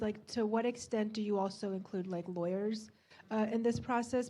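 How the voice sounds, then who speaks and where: Casual woman asking with a mellow voice. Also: mid-range voice, a little hiss or hum. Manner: casual, many "like"s. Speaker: audience questioner.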